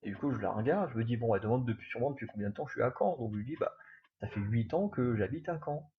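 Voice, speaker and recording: A man's voice: mid-range voice, animated, racing, slightly rough, narrow, tinny audio. A young man from France telling a casual vlog story, rambling with lots of fillers and restarts. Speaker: vlogger.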